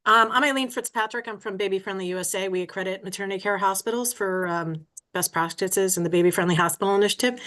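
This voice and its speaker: A woman's voice: medium pitch, a bit bright. A woman attending a webinar, asking a polite question with some ums.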